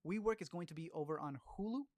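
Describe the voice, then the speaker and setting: Chatty man reviewing films, raised pitch. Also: fast, darkish tone, no echo. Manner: chatty, rambling, with frequent fillers and restarts. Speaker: film review podcast host. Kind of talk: casual film review chat.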